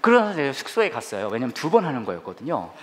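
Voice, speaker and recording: A man's voice: medium pitch, racing, slight background noise. A man preaching as a pastor in a church hall, telling a humorous story and acting out the voices in it. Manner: animated, acts out voices in the story.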